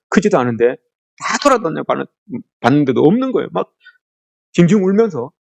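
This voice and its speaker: A middle-aged male pastor with a slightly mellow, higher voice delivers a family worship sermon. He tells stories, frequently asks the congregation questions, and raises his voice to perform the lines he quotes.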